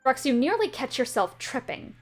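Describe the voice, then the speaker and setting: A woman's voice: high voice, sing-song, moderate pace, loud music behind the voice. A woman narrating a tabletop game as game master, with a playful, teasing manner.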